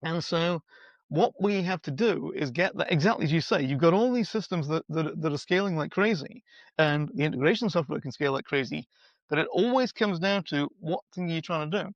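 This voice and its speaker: High-voiced man, animated storyteller. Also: fairly quick, no room sound. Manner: animated, acts out quoted dialogue with playful voices. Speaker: guest expert. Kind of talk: conversational podcast interview. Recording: slightly dull, dry sound.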